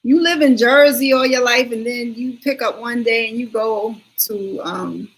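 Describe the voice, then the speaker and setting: A woman's voice: a little high, a little slow, low-quality recording. Chatty woman rambling on a livestream. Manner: rambling, chatty, addresses viewers directly. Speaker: livestream host. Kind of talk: casual livestream chat.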